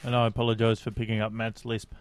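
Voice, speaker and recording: A man's voice: fairly low pitch, completely flat delivery, fast talker, smooth, dry recording. A man co-hosting a casual radio show, joking in a dry, self-deprecating way. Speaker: radio co-host. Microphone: studio microphone.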